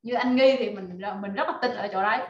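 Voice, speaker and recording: A woman leads a live online class, energetic and full of fillers as she rallies her students. Her voice sits fairly high, and the call audio is roomy and dull. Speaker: online course instructor.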